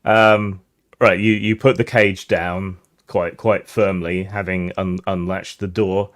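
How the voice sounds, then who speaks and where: A man's voice: sits low, level tone, slow. A tired man running a tabletop game as game master, narrating with dry, understated humor.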